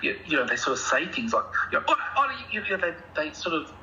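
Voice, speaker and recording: A man playing an anxious, softly spoken therapy patient who talks hesitantly and meanders. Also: fairly high pitch, very animated, fast, lo-fi sound, a little hiss or hum, exaggerated voice. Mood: earnest. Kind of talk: improvised comedy dialogue.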